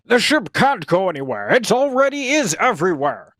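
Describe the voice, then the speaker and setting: A woman's voice: medium pitch, very animated, normal speed, fairly bright tone, no room sound, clean studio sound. A woman playing an anxious, hesitant young male scientist with orthodox beliefs in a radio sci-fi drama. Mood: disbelieving. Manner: hesitant, incredulous, protesting. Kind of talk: cold-read old-time radio sci-fi drama.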